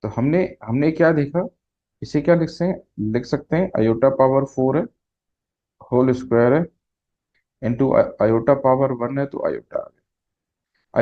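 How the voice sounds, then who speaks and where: A man teaches a math lesson at an unhurried pace, working through each step aloud and answering his own questions. His voice sits at a middle pitch. The recording sounds dull and lo-fi. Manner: slow, step-by-step explaining, mixing Hindi with English math terms; asks questions and answers them himself. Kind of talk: classroom lecture at a whiteboard.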